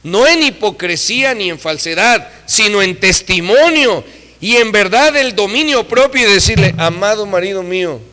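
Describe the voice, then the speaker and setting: A man preaching a sermon in a church, emphatic and acting out the voices he quotes, swinging from loud to soft. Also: high-pitched, animated, normal speed, big-room sound.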